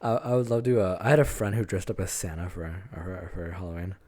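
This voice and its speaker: A man's voice: sits low, brisk, darkish tone. A man co-hosting a podcast, talking in a laid-back casual way and swearing now and then. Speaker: podcast co-host. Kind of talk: casual chat.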